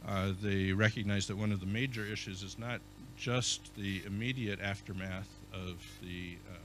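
A man giving a conference keynote as an architecture professor, speaking in a measured way with many fillers and restarts. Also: sits low, fairly even intonation, slight background noise. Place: conference hall.

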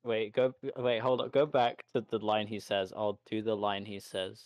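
A man's voice: lowish voice, fairly even intonation, normal speed, a little mellow. A jokey young man chatting casually with friends while reacting to a trailer, asking quizzical questions.

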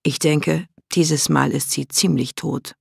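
A man voicing a calm, gentle young demon hunter who speaks softly. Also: fairly high pitch, takes it slowly, gravelly, breathy edge, dry recording, studio quality, heavily acted.

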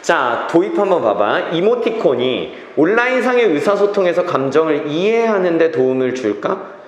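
A man's voice: fairly high pitch, big pitch swings, moderate pace, a little hiss or hum. A man teaching an English reading class, checking in with students and repeating key phrases. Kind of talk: classroom lecture. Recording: echoey classroom reverb.

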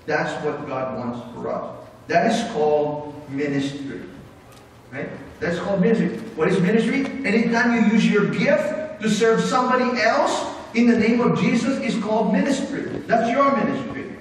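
Middle-aged man, pastor, lively sermon, high voice, echoey church hall. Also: normal speed, distant mic, slight background noise. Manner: animated preaching with big hand gestures, moving about the stage. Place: church sanctuary with brick wall, indoors.

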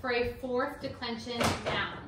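A woman's voice: fairly high pitch, measured pace. A woman in her thirties, a homeschooling mother, teaching a Latin lesson at her kitchen table and patiently quizzing her children with frequent okays. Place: home kitchen. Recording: roomy, distant mic, faint noise.

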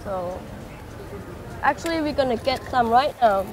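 A woman's voice: fairly high pitch, lively intonation, measured pace, background noise. A young woman chef, explaining ingredients in simple, upbeat English on a cooking show, recorded on a camera mic with music behind. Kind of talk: casual cooking-show chat.

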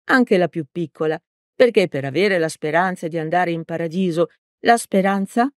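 Woman calmly narrating an audiobook. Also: fairly low pitch, normal speed, no echo, clean studio sound. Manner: calm, even storytelling. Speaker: audiobook reader. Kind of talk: scripted narration.

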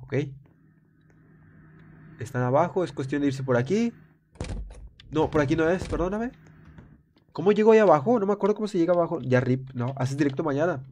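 A young man, stuffy with a cold, excitedly commenting on a live game and chatting with viewers. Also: on the high side, a little hiss or hum. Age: young adult. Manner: rambling, excitable, talks to viewers while playing. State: congested with a cold. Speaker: streamer. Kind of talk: live gameplay commentary reading chat.

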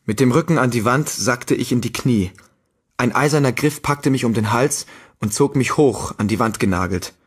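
A man reading a novel aloud in the first person, with a measured, steady storytelling delivery. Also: medium pitch, husky. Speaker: audiobook narrator. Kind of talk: scripted first-person audiobook narration.

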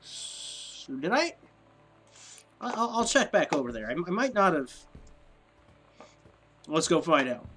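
A man's voice: a little high, sing-song, slow pace, long pauses, a bit bright. Stuffy-nosed man muttering through a game. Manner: muttering to himself, puzzled, rambling. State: stuffy nose, sniffling. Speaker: gameplay video host. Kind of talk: casual let's-play commentary.

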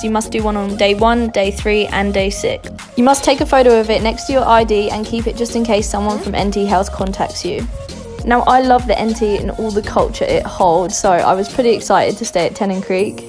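A woman's voice: medium pitch, fairly quick. Australian woman narrating a travel vlog. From Darwin, Australia. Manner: chatty, upbeat, giving tips. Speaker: travel vlogger. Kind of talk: scripted travel voice-over. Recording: voice-over with loud background music.

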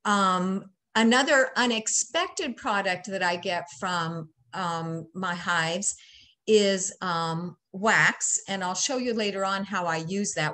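A woman's voice: mid-range voice, sharp tone. Woman in her sixties, folksy beekeeping presenter, chatty with frequent ums, laptop mic on a call. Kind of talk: webinar presentation. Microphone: laptop webcam mic on a video call.

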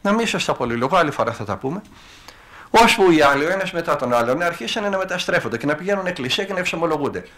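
Bright-voiced old monk telling stories. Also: male voice, on the high side. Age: older. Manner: lively colloquial storytelling. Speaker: monastic elder. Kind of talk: sermon with storytelling.

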